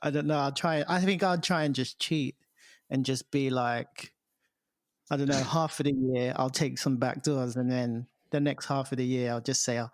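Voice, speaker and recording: A man from the UK hosting a casual podcast, relaxed as he reads out listener questions. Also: medium pitch, moderate pace, no echo, studio quality. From United Kingdom. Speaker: podcast host. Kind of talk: casual chat.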